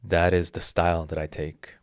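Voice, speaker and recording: A jiu-jitsu instructor in his thirties earnestly lays out his philosophy in a casual interview, often restarting his sentences. His low voice stays level at a moderate pace, recorded with clean studio sound and no room noise.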